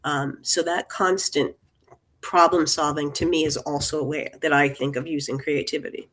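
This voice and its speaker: A woman's voice: deep voice, fairly even intonation, moderate pace, fairly bright tone, a little hiss or hum. A woman in her sixties, an interview guest, talking in a thoughtful, meandering way with restarts and small laughs. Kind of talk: casual interview talk.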